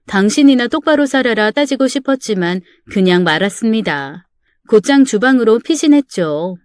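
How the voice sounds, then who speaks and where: A woman's voice: mid-range voice, darkish tone, dry recording, clean studio sound. A woman narrating a first-person family story in a plain, confiding way.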